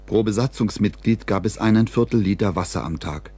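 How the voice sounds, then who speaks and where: A man reading scripted documentary narration in a measured, even storytelling delivery. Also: fairly low pitch, husky.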